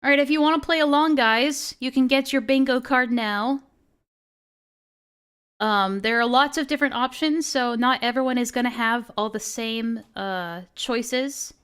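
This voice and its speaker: A woman hosts a casual livestream in a girlish, high-pitched voice. Her tone is smooth and clear, and she is chatty, talking loosely with friends and swearing as she goes. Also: unhurried, fairly bright tone. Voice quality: youthful, girlish. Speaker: livestream host.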